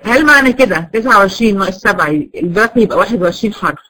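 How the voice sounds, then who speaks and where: A woman with an Egyptian accent leads a class of girls in recitation rules, talking at a brisk, rapid clip. She throws a question to the room and answers it herself before moving on. She circles back over every point several times. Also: mid-range voice, expressive, pushed and bright, rough recording. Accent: Egyptian Arabic. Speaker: Quran recitation teacher.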